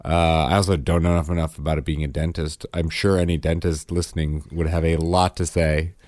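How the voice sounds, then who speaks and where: Male podcast host, deep voice, blunt and swears, casual chat, dry close mic. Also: level tone, brisk, darkish tone, no room sound.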